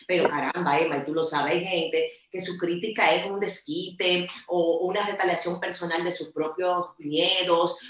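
A woman hosting a talk show, warmly affirming her guest and steering the conversation. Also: on the low side, fairly even intonation, moderate pace, hardly any pauses. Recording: far-off, very echoey room.

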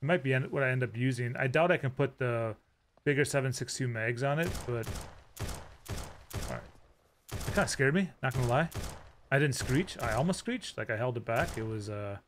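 A man's voice: mid-range voice, normal speed, long pauses, background noise. A man giving casual, rambling commentary while playing a game, often breaking into startled outbursts. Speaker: gaming YouTuber.

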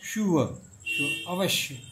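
A man's voice: high-pitched, animated, fairly bright tone. A middle-aged man teaching a phonetics lesson, repeating and drawing out each word as he explains it. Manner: slow, repetitive, drawn-out explanations. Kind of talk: classroom lecture on phonetics.

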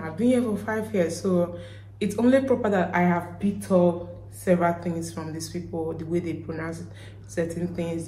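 A woman's voice: lowish voice, a little mellow. Chatty Nigerian-accented woman, echoey room. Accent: Nigerian, with some Ghanaian. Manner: chatty and rambling, with frequent fillers and laughs. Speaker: vlogger. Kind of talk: casual reflective vlog chat.

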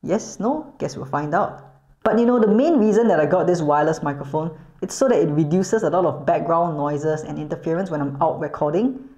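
Playful low-voiced woman vlogger. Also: fairly quick, mellow, dull audio. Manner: playful, jokey, chatty. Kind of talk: casual vlog, testing microphones.

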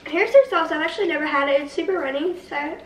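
A woman's voice: high voice, fast, far from the mic. A young woman chatting upbeat and giggly during an eating vlog, peppering her talk with "like". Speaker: guest co-host. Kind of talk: casual mukbang chat. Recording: echoey room, slightly off-mic, faint noise.

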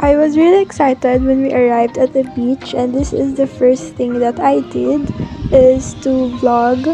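A young woman with a Filipino accent talks through her vlog in a high, unhurried voice. She chats casually and easily, dropping in small fillers, over clear background music. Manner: relaxed, code-switching, many fillers. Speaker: vlogger.

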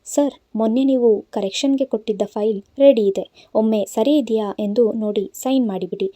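A woman's voice: a little high, moderate pace, mellow, dry recording, lightly acted. Woman voicing a timid young assistant. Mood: polite. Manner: meek and frightened.

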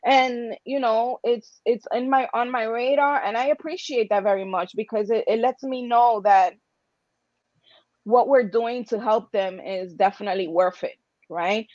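A middle-aged Dominican-American woman, founder of a writers' association, answers as an interview guest over a video call from indoors. Her fairly high, slightly mellow voice moves a little slowly as she responds emphatically, passionately and conversationally, often with rhetorical questions. The computer video-call mic gives dull, lo-fi audio with no echo.

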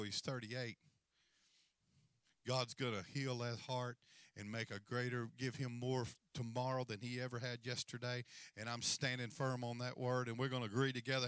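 A man's voice: medium pitch, a bit bright, smooth, no room sound. A middle-aged man preaching a sermon as senior pastor on a large church stage, with a handheld mic and a repetitive, rising and falling cadence.

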